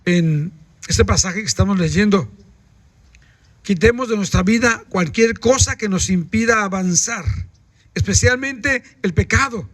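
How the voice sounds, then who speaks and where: Pastor preaching, very high bright voice, asks the congregation questions, dry sound. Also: male voice, dry recording. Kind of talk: sermon.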